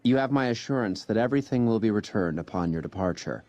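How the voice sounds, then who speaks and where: An actor playing a polite, officious hotel greeter in a video game, with the formal courtesy of a petty bureaucrat. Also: male voice, on the low side, expressive, fast, darkish tone, no echo, dull audio, lightly acted. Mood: officious, courteous. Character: polite, officious male casino hotel greeter enforcing house rules. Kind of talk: video game character dialogue.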